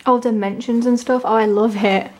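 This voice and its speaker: A woman with a fairly high voice talks through an unboxing in a casual, gushing way. Her throat sounds sore, as if speaking through swollen tonsils with tonsillitis, yet she stays enthusiastic. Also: steady tone, moderate pace. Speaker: unboxing video host. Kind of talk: casual excited unboxing commentary.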